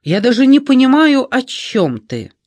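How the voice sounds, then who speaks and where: A man's voice: very high voice, wildly swooping pitch, measured pace, darkish tone, no room sound, pitched above the performer's own voice, full character voice. A man reading an audiobook, voicing a frightened, angry old woman with scornful, indignant outbursts.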